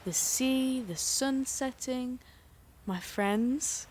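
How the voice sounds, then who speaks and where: A young actress playing an earnest, kind-hearted teenage girl in an audio play, gentle and wistful. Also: high-pitched, extremely slow, a little hiss or hum. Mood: dreamy. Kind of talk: youth theatre audio play.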